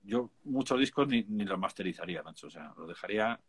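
A man's voice: lowish voice, expressive, fast talker, breathy edge. Casting: Spanish-accented man, music producer, casual slangy chat, emphatic. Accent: Spain Spanish. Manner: chatty, informal, emphatic, peppered with slang.

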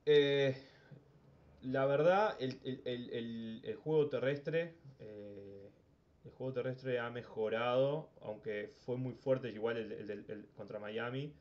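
A man hosting an informal sports podcast speaks slowly in a mid-range voice with a Uruguayan Spanish accent, and the sound is dull. He meanders as he talks, frequently repeating words mid-thought.

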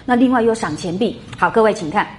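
A woman lecturing a class on a classic novel, chatty and animated, full of rhetorical questions. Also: mid-range voice, fast talker, slight background noise. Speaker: literature lecturer. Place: classroom with students.

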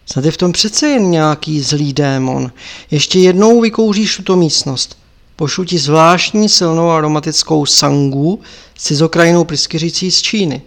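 A man's voice: fairly high pitch, lightly acted. A man voicing a stern old lama abbot. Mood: instructive. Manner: measured, admonishing, lecturing.

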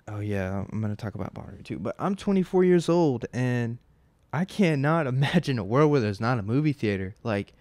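A man's voice: mid-range voice, lively intonation, a little fast, darkish tone, dry recording. A man in his twenties hosting a podcast on his own, talking in a loose, rambling way with lots of "like" and casual swearing. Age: 20s. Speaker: podcast host. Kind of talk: casual solo podcast monologue.

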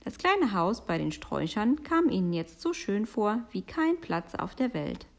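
Lively woman reading a children's story. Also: mid-range voice, measured pace, vocal fry. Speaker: storybook reader. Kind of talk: children's story read aloud.

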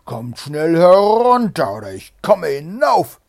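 A man reading a fairy tale aloud and voicing a cruel, menacing nobleman who speaks slowly and loudly in a commanding tone. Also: medium pitch, animated, husky. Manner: slow, loud, commanding.

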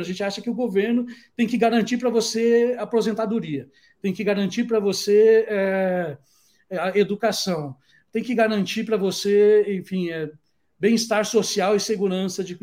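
A man's voice: high voice, a little mellow. A Brazilian man in his forties with a Brazilian Portuguese accent, giving a conversational, reflective talk and often ending his points with a questioning tag. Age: 40s. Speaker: speaker sharing opinions.

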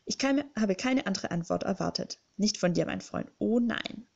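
A woman's voice: medium pitch, normal speed, creaky, darkish tone, husky, dull audio. A woman reading an audiobook, voicing a jovial, secretive male bookling creature who speaks dramatically and conspiratorially. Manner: dramatic, conspiratorial, grips and urges. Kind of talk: audiobook character voice.

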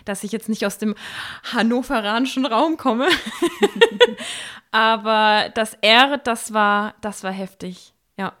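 A woman's voice: fairly high pitch, takes it slowly, fairly bright tone. A woman from Franconia, an author and trained actress, chatting casually as a podcast guest with a faint Franconian accent and frequent laughter. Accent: Franconian, trained toward standard German. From Franconia, Germany. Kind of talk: casual chat.

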